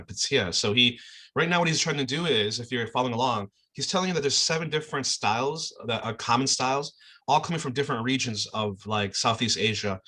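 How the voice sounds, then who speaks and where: A man's voice: mid-range voice, pushed and bright, husky. A man teaching an online class, explaining a played clip in a casual way with many restarts and check-ins. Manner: talks in loose restarts and checks in with "okay?" and "all right?".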